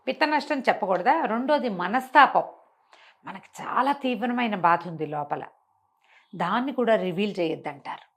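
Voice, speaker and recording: Speaking at a normal pace in an animated, mid-range voice, a woman tells stories to explain moral lessons. She teaches emphatically in a conversational way, frequently asking rhetorical questions.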